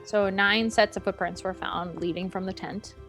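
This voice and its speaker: A woman's voice: medium pitch, steady tone, moderate pace. A young woman co-hosting a podcast, telling a story in a playful, chatty way with jokey asides. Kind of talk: casual storytelling chat. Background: soft background music.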